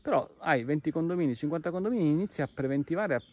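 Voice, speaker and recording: A podcast host walks a trail outdoors by a cave, chatting casually in walking-vlog style and quoting imagined listeners. He's slightly out of breath from climbing. His voice is high-ish, animated, husky, and darkish in tone, and he talks rapid-fire.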